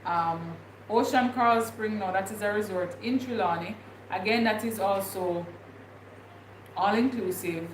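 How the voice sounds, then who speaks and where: Unhurried and medium in pitch, a young woman with a Jamaican accent rambles through a casual livestream chat, thinking aloud and leaning on fillers. She's a vlogger, heard in an echoey room with clear background noise.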